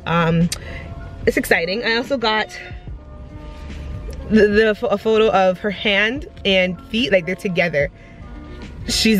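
A young woman recording herself in a car, excited and a little out of breath. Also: mid-range voice. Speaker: vlogger. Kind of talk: casual vlog chat. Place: inside a parked car.

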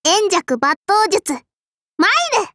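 A woman gives a full character voice to a tiny, prim, strict sparrow-girl innkeeper from an anime mobile game, complete with a childlike lisp and a cutesy verbal tic. Very high-pitched and sharp, she draws out words and swings her pitch widely, sounding prim and cheerful. These Japanese voice lines come in dry, studio-quality audio.

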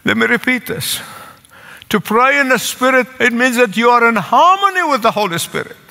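Older Egyptian-accented pastor, pleading sermon. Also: male voice, extremely high pitch, lively intonation, moderate pace, gravelly, bright, forceful tone. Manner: earnest, pleading, repeats phrases for emphasis. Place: large church sanctuary with congregation. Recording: long church hall reverb.

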